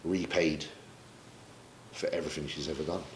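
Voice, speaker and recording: Deep-voiced British bodybuilder, frank and emotional, in an echoey room. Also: male voice, fairly even intonation, moderate pace, slight background noise. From Britain. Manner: emotional, reflective, swears casually. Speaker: pro bodybuilder guest. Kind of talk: candid sit-down interview. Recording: roomy echo, faint ambience.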